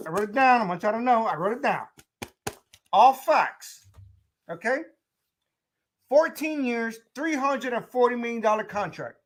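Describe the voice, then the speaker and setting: A high-voiced young man hosting a sports talk show. He talks to his listeners in a loose, animated way and often repeats and restarts his points. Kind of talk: casual sports commentary.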